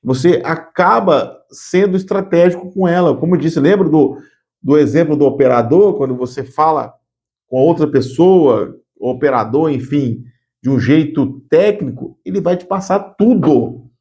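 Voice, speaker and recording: A man's voice: on the high side, animated, moderate pace, darkish tone. A man giving an earnest spoken lesson on workplace communication, often repeating words as he thinks. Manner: acts out curt bossy phrases as examples.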